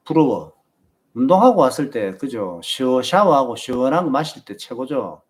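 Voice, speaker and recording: On his marathon live stream, a man speaking with a Busan Gyeongsang Korean accent chats with viewers and offers advice. He talks at normal speed in a very animated, medium-pitched voice.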